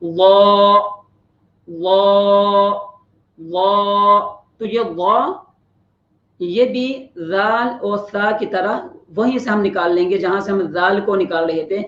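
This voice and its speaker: In a dull, roomy lo-fi recording, a mid-pitched tajweed teacher demonstrates Quran pronunciation, stretching out every letter slowly while explaining with patience.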